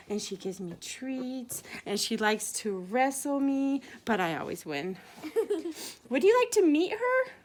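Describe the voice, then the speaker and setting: A woman's voice: a little high, fairly bright tone. A woman telling a playful improvised story to a child, laughing often as she goes.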